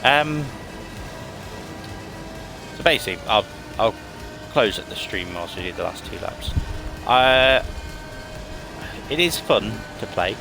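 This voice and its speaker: A man's voice: fairly low pitch, animated, slow, gravelly, pauses often, low-quality recording. A tired, yawning man, chatting casually as he streams a racing game, rambling with many fillers and restarts. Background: game music and car engine sounds.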